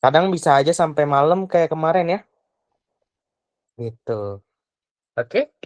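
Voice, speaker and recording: Patient young tutor, dry sound. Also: female voice, deep voice, lively intonation, a little slow, darkish tone, no echo, low-quality recording. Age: young adult. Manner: patient, asks many questions, trails off with "gitu". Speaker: private tutor. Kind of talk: online tutoring lesson.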